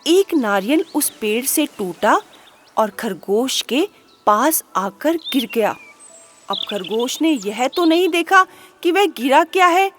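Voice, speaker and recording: A woman narrates a children's moral tale in a high, light voice. She takes her time and poses little questions to her listeners. Soft music runs faintly beneath her. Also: sing-song. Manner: unhurried, asks listeners rhetorical questions. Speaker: storyteller.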